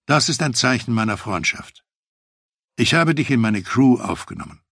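A man voicing a commanding male Mafia capo who speaks firmly and emphatically, in a gravelly, husky voice. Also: medium pitch, big pitch swings, normal speed, a bit bright, no echo, clean studio sound, heavily acted.

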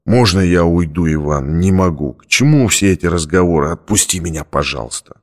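A man's voice: fairly low pitch, normal speed, natural voice. A man voicing a desperate, snappish addict. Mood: pleading. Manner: snapping, pleading, muttering.

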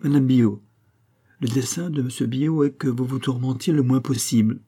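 A man's voice: mid-range voice, fairly even intonation, moderate pace, warm tone, husky, voice pushed up, natural voice. A man voicing an eager young peasant man who earnestly pleads his case in an audiobook reading.

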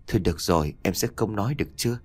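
A soft-spoken, pleading young wife, as a male narrator puts her on in an audio storybook. She talks quietly and haltingly. The voice sits close and dry. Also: fairly low pitch, breathy edge, dry recording. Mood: teasing. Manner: soft and hesitant.

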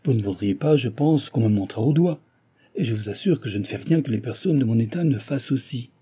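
A man's voice: mid-range voice, animated, fairly quick, warm tone, slightly rough. A man voicing a frivolous, petulant society wife who defends her spending peevishly. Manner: peevish, self-justifying.

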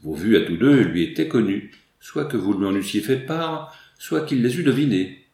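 A man's voice: on the low side, animated, normal speed, vocal fry, darkish tone, roomy sound. A man reading an audiobook, voicing a proud, independent young noblewoman with firm, formal composure. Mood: firm, composed.

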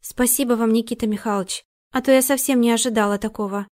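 Woman reading a gentle, polite young woman. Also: a little high, steady tone, quick pace, dry recording, studio quality, lightly acted. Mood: soft.

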